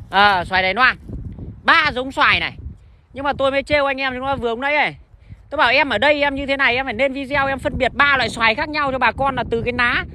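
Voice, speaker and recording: Blunt, joking man with a bright voice. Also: very high-pitched, dry recording. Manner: blunt, swears casually, joking. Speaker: vlogger touring a fruit tree nursery. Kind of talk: casual walking commentary. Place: outdoor plant nursery.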